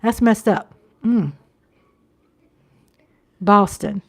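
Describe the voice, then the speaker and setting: This livestream host is a woman in her fifties whose medium-pitched voice is creaky and very slow. She talks conversationally to her viewers, often repeating herself and checking in with "you know."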